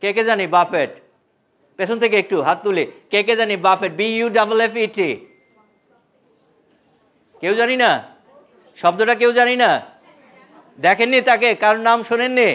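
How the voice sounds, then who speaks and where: High-voiced man teaching a class. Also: fairly quick, long pauses. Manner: animated, quizzes the audience, mixes English into Bengali. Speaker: English communication trainer. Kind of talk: live classroom workshop.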